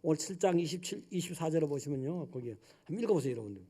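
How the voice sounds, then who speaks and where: Pastor guy preaching, high voice, goes loud then real quiet, acts stuff out. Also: expressive, racing, slight background noise. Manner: dramatic, swinging from loud shouts to soft asides; acts out little scenes and calls out hallelujah. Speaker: senior pastor. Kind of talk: Sunday sermon.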